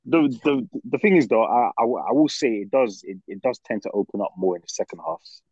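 A man's voice: medium pitch, lively intonation, brisk, a little mellow, slightly rough, dry recording, muffled recording. A young man with a London roadman accent chatting casually about football as a podcast co-host, repeating phrases in stop-start slang. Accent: London, urban roadman slang.

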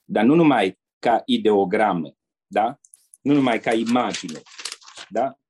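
Older male ex-diplomat telling anecdotes, husky dark tone, relaxed, talks to the listener in asides. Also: lowish voice. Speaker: former diplomat and interpreter. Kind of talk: anecdotal storytelling.

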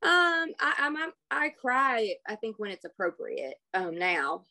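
A woman's voice: a little high, big pitch swings, unhurried, pushed and bright. A middle-aged woman, a parent guest in a casual conversation, speaking candidly with rambling stories and laughter.

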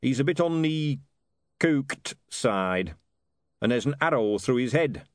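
A man voicing a blunt, sardonic dwarf with a deadpan delivery. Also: medium pitch, takes it slowly, dry recording, studio quality.

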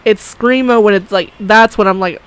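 A woman's voice: mid-range voice, moderate pace, clean tone, rough recording. A woman co-hosting a casual podcast chat, blunt and swearing freely, often breaking into laughter. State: coughing briefly. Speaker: podcast co-host.

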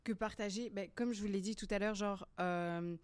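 A young woman with a slightly low voice in a dry, close recording. She hosts a casual discussion in a wordy way, qualifying herself and thinking out loud. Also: fairly even intonation, normal speed, clear, resonant tone, dry recording. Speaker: discussion host.

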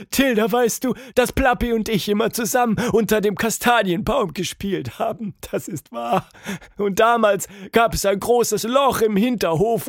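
A man voicing a furious, grumpy grown woman in a storybook, with shrill, snapping delivery. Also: creaky, dry recording, studio quality. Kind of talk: storybook character voice.

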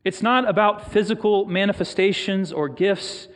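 A middle-aged man delivers a sermon, shifting into personal stories with thoughtful pauses. His voice sits fairly high for a man. The sound carries the long reverb of a large church sanctuary. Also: fairly bright tone. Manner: storytelling, reflective, with pauses for emphasis. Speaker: pastor.

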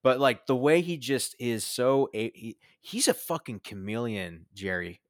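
A man's voice: medium pitch, lively intonation, a little slow, no room sound. A young man casually reviewing a movie with a friend, rambling with many fillers and restarts. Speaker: podcast co-host.

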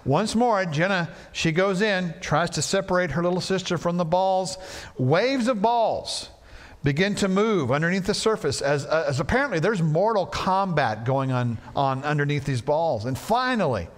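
A man's voice: fairly high pitch, lively intonation, normal speed, few pauses. A male pastor preaching a sermon in a church, telling a story with playful asides. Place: church sanctuary.

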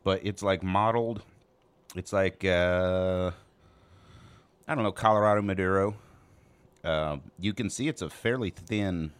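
A man's voice: low-pitched, a little slow, long pauses, clear, resonant tone. A man hosting a podcast in a casual, informal chat style, swearing freely. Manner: profane, informal. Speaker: podcast host. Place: small back room of a cigar lounge.

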